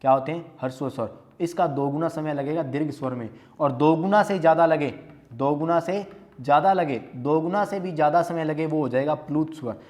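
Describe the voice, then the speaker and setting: Brisk and darkish, with a pitch on the high side, a young man runs a grammar quiz. He reads each question aloud twice, supplies the answer himself, and keeps circling back to the key terms.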